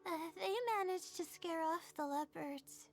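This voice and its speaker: Layla, a timid sleepy scholar. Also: female voice, extremely high pitch, fairly even intonation, unhurried, vocal fry, soft background music, full character voice. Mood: nervous recounting. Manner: hesitant, rambling, apologetic. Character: shy, sleepy young woman scholar. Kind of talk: video game character dialogue.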